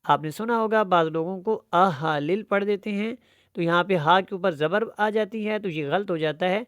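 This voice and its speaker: A man teaching Quran tajweed. He explains each rule quickly, then recites the verse slowly and drawn out. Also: high voice, fairly bright tone, smooth, no echo, clean studio sound.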